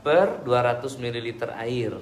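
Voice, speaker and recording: A man preaching and answering audience questions in a relaxed, conversational way with everyday examples. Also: mid-range voice, moderate pace. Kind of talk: casual religious Q&A talk. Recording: echoey room with background noise.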